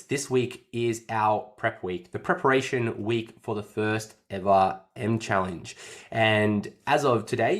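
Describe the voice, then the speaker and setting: A man who coaches fitness hosts a casual fitness podcast, upbeat and chatty. His slightly low voice still sounds a little nasal after an illness, and he tends to repeat his phrases.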